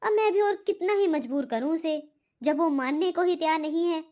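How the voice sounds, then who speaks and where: A woman's voice: extremely high pitch, moderate pace, darkish tone, highs cut off. A woman voicing an anxious, pleading middle-aged mother in a cartoon. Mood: worried. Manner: pleading, worried. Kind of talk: cartoon voice acting.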